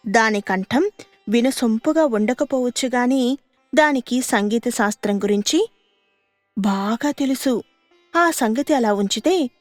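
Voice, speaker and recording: A woman telling a children's story on radio, narrating gently and unhurriedly as a mother to her child. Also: a little high, no room sound. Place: radio studio. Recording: dry studio radio recording with faint music.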